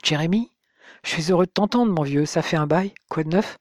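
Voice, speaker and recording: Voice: mid-range voice, fairly quick, dry recording, clean studio sound, natural voice. A narrator voicing a direct, concerned middle-aged man, the hero's best friend, on the phone. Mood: eager, concerned.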